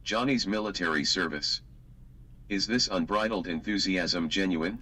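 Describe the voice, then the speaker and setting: A deep, synthetic male text-to-speech voice with a bright, crisp edge. It reads chat messages in a flat, robotic way. A faint hiss sits under it. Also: normal speed. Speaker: automated reader of viewer chat messages.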